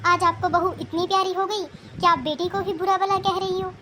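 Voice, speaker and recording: A woman's voice: extremely high pitch, flat delivery, a little fast, bright, forceful tone, slight background noise. A woman voicing a spoiled, demanding young married daughter in a cartoon, petulant and complaining. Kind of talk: cartoon voice acting.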